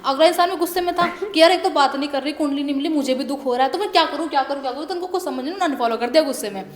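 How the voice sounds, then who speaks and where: A young woman telling a personal story as a guest in a casual interview, animated and laughing as she goes. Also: high-pitched, rapid-fire. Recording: echoey room with faint background noise.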